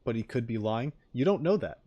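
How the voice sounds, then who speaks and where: A man hosts a casual livestream reacting to game content, bantering playfully with viewers, rambling, and repeating his points. His mid-range voice is expressive, brisk, and mellow. The audio is lo-fi with no room sound.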